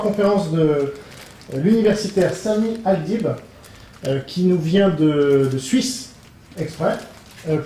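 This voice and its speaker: A man hosting an event and introducing the guest speaker, halting with many fillers. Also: a little high, dark tone, slight background noise. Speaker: event host. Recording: distant mic in an echoey hall with faint ambience.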